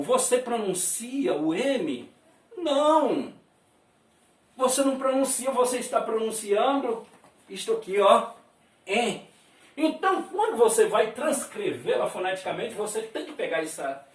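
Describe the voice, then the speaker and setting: A Brazilian man teaching a lesson at a board, explaining slowly, drawing out sounds and chuckling often. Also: sits high. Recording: roomy and distant from the mic.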